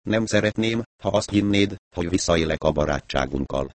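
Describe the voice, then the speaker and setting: A man's voice: deep voice, expressive, no echo. A man voicing a fussy, eager male lawyer who chirps his lines in a raised, piping tone. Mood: eager, chirping.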